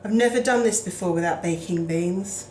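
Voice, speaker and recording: A woman's voice: lowish voice, normal speed, a little mellow, roomy sound, a little hiss or hum, rough recording. Chatty woman cooking at home. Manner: chatty, self-deprecating, laughs often. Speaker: home cooking show host. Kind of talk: casual cooking demonstration. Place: home kitchen.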